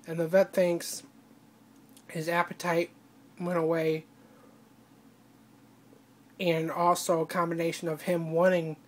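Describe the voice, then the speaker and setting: A woman crying as she speaks in a personal video diary, halting and breaking off to restart her sentences. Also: low-pitched, a little hiss or hum. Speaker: vlogger.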